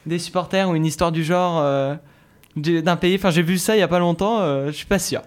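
A man's voice: fairly high pitch, a little fast, clean tone. A man speaking as a panelist on a sports talk show, wry and hesitant, with sighs. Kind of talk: casual radio chat.

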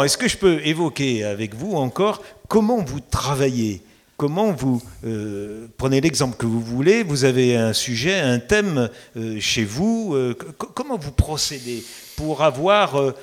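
A man with a mid-pitched voice hosts a public talk at a book fair. He chats freely and asks long, meandering questions peppered with fillers. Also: expressive, normal speed. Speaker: moderator.

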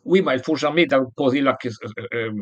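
A man's voice: mid-range voice, fairly quick, no room sound, highs cut off. A man being interviewed as a guest author, speaking hesitantly and often restarting his words. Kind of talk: interview answers.

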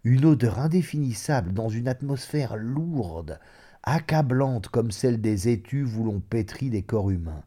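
A man narrating a classic short story in an expressive, measured reading. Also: medium pitch.

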